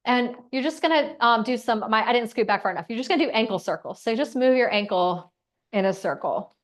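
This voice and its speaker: A woman instructor leading an online class through gentle movement and breathing, with soft, calm cues. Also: fairly high pitch, brisk. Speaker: exercise instructor.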